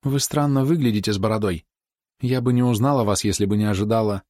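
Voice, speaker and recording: A man reading an audiobook who voices a frightened young woman, pleading in an urgent, hushed manner. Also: fairly low pitch, fast, dry recording, studio quality, natural voice. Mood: hushed fearful.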